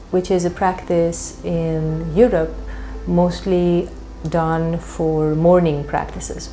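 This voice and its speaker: A woman talks in a low, dark, mellow voice, calm and reflective, as she is interviewed for a documentary. Faint music plays beneath her. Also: low-quality recording. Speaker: dancer and choreographer; curator.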